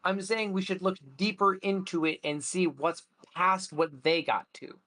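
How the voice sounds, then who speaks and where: A man chatting casually as a tabletop game player, emphatic and quick to swear. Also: high-pitched, fairly even intonation, bright, forceful tone. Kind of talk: casual chat.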